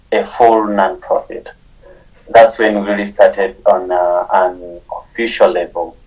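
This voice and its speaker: A man's voice: on the low side, darkish tone, highs cut off. A young man, a nonprofit founder speaking sincerely in an interview and often repeating words as he goes. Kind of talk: conversational interview.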